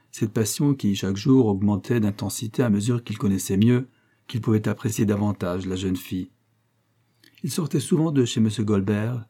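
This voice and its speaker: A man narrating a classic adventure novel in a steady, measured reading. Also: on the low side. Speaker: audiobook narrator.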